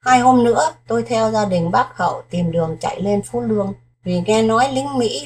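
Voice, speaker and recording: A woman's voice: medium pitch, a little mellow, a little hiss or hum. A woman, reading a first-person war memoir aloud in a solemn, grave voice. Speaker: narrator.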